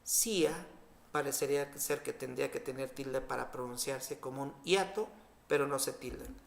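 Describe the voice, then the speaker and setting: A man with a Mexican Spanish accent, explaining spelling rules in a clear, deliberate scripted lesson. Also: mid-range voice, reverberant. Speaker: spelling teacher.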